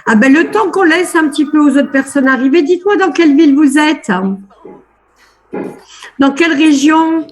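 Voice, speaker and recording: A woman with a high voice running a live online coaching session over a video call. She sounds upbeat and chatty, keeps repeating little words of praise, and fills her pauses with casual hesitations. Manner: chatty with many fillers. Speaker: life coach.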